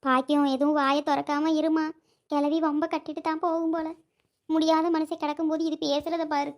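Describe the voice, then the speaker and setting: A woman voicing an older mother in a cartoon who mutters slow, low-voiced asides. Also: level tone. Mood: muttering. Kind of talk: cartoon voice acting.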